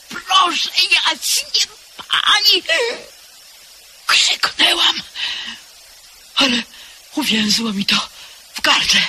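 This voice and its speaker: In this 1970s-style radio drama, an actress voices a terrified house servant describing a night of horror, swinging breathlessly between whispers and cries. Her high voice is pushed and bright with a breathy edge, and the performance is heavily acted.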